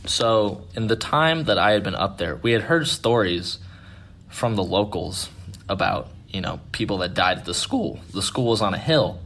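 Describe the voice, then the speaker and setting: A man with a fairly low voice telling a ghost story the way you'd tell it to friends. He is relaxed and self-mocking, with swearing thrown in. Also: normal speed. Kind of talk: casual spoken ghost story.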